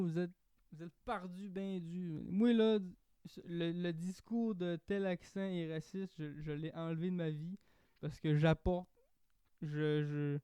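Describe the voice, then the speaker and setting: Québécois man, young, high clear voice, dry close sound, casual animated podcast chat. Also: no echo. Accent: Québécois French. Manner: animated, swears casually, slips into mock accents. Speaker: podcast host.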